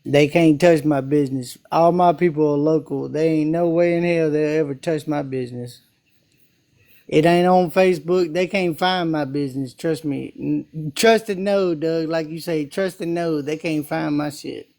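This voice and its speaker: Gravelly laid-back Southern man. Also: fairly high pitch, moderate pace, a little mellow. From South Memphis. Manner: laid-back, laughs often, profane. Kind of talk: casual chat.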